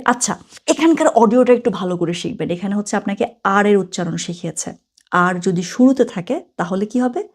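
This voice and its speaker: Mellow-voiced woman teaching German grammar. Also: mid-range voice. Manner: mixes languages freely, checks in with "ঠিক আছে?" and "হ্যাঁ?"; spells out example words slowly and deliberately. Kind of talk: casual textbook walkthrough lesson.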